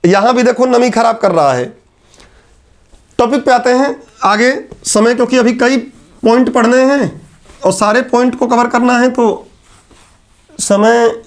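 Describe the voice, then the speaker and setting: A man with a strikingly high voice teaches a class at a whiteboard. He talks in a relaxed, chatty way and drops teasing asides to his students. He slows down to repeat the key terms. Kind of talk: classroom lecture.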